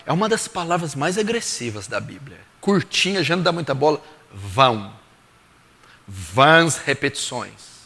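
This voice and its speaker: A man delivers a sermon in a high-pitched voice. His intonation leaps and falls with great animation, and he moves between forceful declarations and quiet, intimate asides. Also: breathy edge. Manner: preaching with dramatic swings between loud and hushed; rhetorical questions to the congregation. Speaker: pastor.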